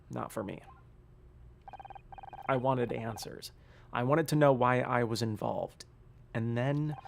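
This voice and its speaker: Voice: mid-range voice, vocal fry, slight background noise. A gamer reading a story game aloud with dramatic narration and casual, grumbling, sweary asides.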